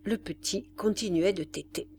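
A woman reading a classic novel aloud as a measured scripted narration. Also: mid-range voice, darkish tone, a little hiss or hum. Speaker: audiobook reader.

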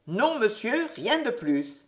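Woman doing an honest schoolboy, earnest and indignant, higher voice. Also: very animated, slow. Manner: earnest, protesting.

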